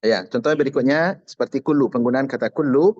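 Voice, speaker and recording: A man's voice: medium pitch, fast talker, darkish tone, dry recording, highs cut off. A man teaching an Arabic grammar class online, explaining patiently and repeating key words step by step.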